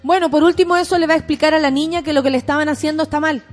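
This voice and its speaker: Chilean woman host, high voice, reflective questions, light music bed. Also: fairly even intonation, racing. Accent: Chilean Spanish. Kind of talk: casual chat.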